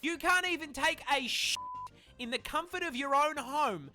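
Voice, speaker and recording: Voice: high voice, moderate pace, bright, forceful tone, faint music behind. A narrator delivering scripted comedic narration in a punchy, sarcastic and sweary manner. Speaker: narrator of an animal video.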